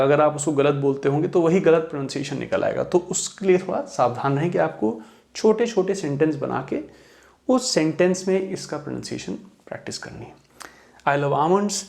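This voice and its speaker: A man from India teaching English pronunciation in a Hindi lesson, patiently explaining and slowly spelling out model sentences in English. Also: on the high side, vocal fry, a little mellow.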